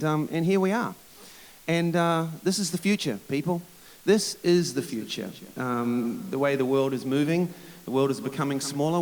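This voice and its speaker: High-voiced man chatting from a stage. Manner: rambling, chatty, teasing the crowd. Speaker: musician addressing a youth conference. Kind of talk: casual, encouraging talk between songs. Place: conference hall stage with a live audience.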